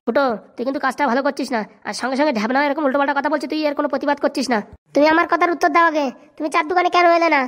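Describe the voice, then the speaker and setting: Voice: sits high, fairly even intonation, racing, a bit bright. A voice actor playing an indignant young village man in a cartoon comedy, arguing and reproaching.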